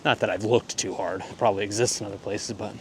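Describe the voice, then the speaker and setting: A man's voice: on the low side, steady tone, fast talker, darkish tone. Laid-back, self-deprecating male photographer vlogging mid-walk; heavy wind hitting the mic outdoors. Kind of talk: casual walk-and-talk vlog. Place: outdoors on a cold, windy morning walk.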